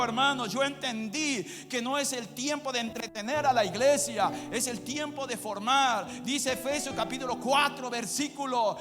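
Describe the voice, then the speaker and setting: High-voiced, bright preaching man, reverberant church. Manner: preaching with sweeping swings from quiet asides to shouted climaxes. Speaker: pastor. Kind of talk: sermon. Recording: long church reverb with music behind.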